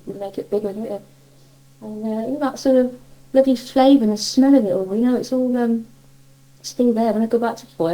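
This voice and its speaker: Recorded in low quality, this fairly high, mellow voice belongs to an older woman from Cornwall, England, speaking with a Cornish accent. As an interviewee sharing childhood memories, she rambles along chattily and nostalgically.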